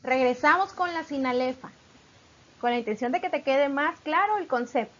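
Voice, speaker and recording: A woman's voice: high voice, normal speed, highs cut off. A woman teaching poetry metrics, patiently explaining and stretching out syllables as she reads examples.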